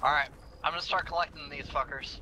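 High-voiced sweary man on noisy game chat. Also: fairly even intonation, quick pace. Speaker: teammate in a co-op shooter. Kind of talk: casual in-game team chat.

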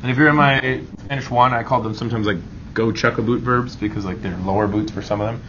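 A Spanish teacher talks fast in a mid-range, fairly bright voice with fairly even intonation. He runs his grammar lesson informally and reassuringly, often pausing for short rhetorical check-ins. The recording is dull and lo-fi, with clear background noise.

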